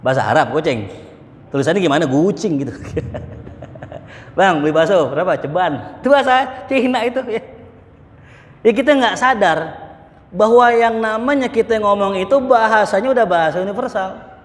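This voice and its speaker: A man's voice: high voice, expressive, normal speed, pauses often. A man gives a mosque study lecture, joking and acting out market banter. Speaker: religious teacher. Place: mosque hall. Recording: echoey mosque hall.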